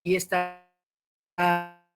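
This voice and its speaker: A man, giving a civics lesson as a teacher. He explains patiently, often tags his points with a question and clears his throat. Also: high-pitched, monotone, extremely slow.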